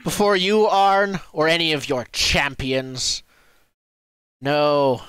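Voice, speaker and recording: A man voicing a proud, boastful Viking warrior who declaims his deeds loudly and slowly. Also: fairly high pitch, slight background noise, pitched above the performer's own voice. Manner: loud, slow, declaiming.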